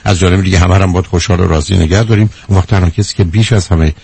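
Gravelly low-voiced male advice host. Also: fairly even intonation, darkish tone. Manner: lecturing, frequent rhetorical questions; blunt, calls the caller "dear". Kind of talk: call-in counseling.

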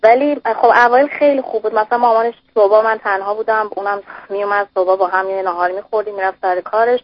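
A woman's voice: medium pitch, steady tone, no room sound. A woman calling in to an advice radio show by phone, telling her story in a rambling, hesitant way and dropping in English words. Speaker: caller. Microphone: telephone. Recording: muffled phone line on radio.

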